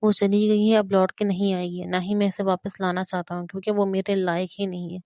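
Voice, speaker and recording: A woman voicing a proud, angry young husband in an audio novel, curt and sharp. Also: medium pitch, little pitch movement, brisk, dry recording, studio quality, lightly acted.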